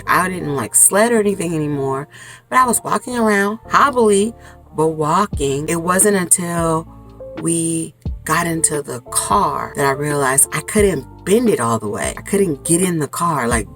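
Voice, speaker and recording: A woman in her forties chatting to camera from inside a small clothes closet, telling a story in a chatty, expressive way. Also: sits low. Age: 40s. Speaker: vlogger. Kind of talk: casual chat to camera.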